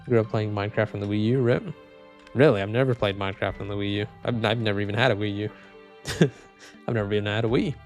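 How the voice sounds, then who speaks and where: This is a young male streamer casually reading chat while gaming, speaking fast. His voice is a bit congested, flat, and low on energy; he even labels it boring. Keyboard typing and soft game music can be heard behind him.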